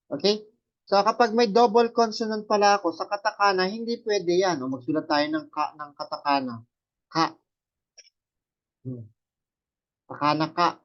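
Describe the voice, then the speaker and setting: A man with a voice on the high side teaches a classroom Japanese lesson on katakana. He explains step by step, often checking in with students and quizzing them with rhetorical questions. The recording sounds muffled.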